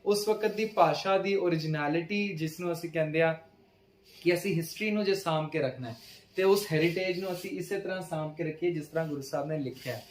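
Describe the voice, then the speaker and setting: A man teaching how to pronounce scripture, reciting verses slowly and deliberately and then explaining them plainly. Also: a little high, reverberant, a little hiss or hum. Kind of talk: instructional talk with slow recitation.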